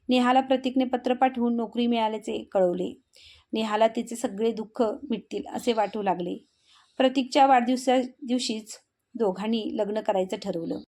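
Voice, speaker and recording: Woman reading a story out loud, kinda high but soft mellow tone, calm and steady. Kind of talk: reading a Marathi story aloud.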